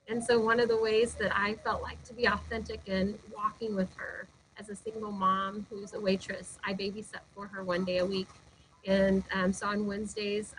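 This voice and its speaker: A woman's voice: medium pitch, a bit bright, slight background noise, rough recording. A woman pastor telling heartfelt personal stories in an interview, earnest and speaking with frequent fillers. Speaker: lead pastor. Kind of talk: personal storytelling in a webinar interview.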